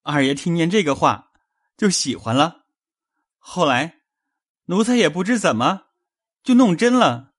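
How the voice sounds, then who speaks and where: Brief: woman doing a frightened young male servant, groveling and rushed, voice dropped low, lively pitch. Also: slightly rough. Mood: cowering, pleading. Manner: pleading, hurried, fearful.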